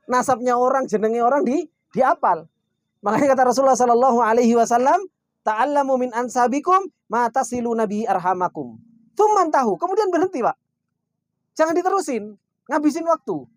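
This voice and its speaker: A man's voice: extremely high pitch, no room sound, clean studio sound. Man teaching a religious lesson. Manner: asks rhetorical questions, then answers them himself; keeps addressing listeners as "Pak". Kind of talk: Islamic study lecture.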